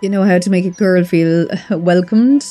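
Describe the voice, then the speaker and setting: A chatty woman talking through a video game as she plays it, reacting aloud with plenty of giggles. Her voice is mellow and warm. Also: on the low side, normal speed, soft background music. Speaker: let's play gamer. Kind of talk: casual gameplay commentary.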